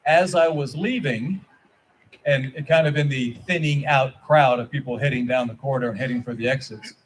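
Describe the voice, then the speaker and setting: A man of medium pitch shares a personal account in a public speech. He is earnest and deliberate, sometimes halting, with faint noise behind him. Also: low-quality recording. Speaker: ceremony speaker, eyewitness.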